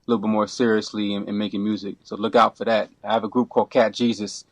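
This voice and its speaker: Relaxed rambling Brooklyn man. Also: lowish voice, fast, dry recording. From Brooklyn, New York. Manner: relaxed, rambling, many restarts and you-knows. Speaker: podcast guest, filmmaker and DJ. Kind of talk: casual interview.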